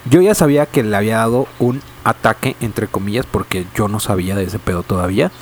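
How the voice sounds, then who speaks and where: A man's voice: fairly low pitch, fairly quick, slight background noise. A man with a Mexican accent, co-hosting a casual chat and telling a rambling, slangy story with many restarts.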